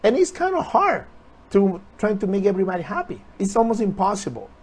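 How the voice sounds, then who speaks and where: High-voiced earnest motivational man. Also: huge pitch swings, a little fast, breathy edge. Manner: earnest, repetitive, urging viewers. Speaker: motivational speaker. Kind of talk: motivational talk on a live stream.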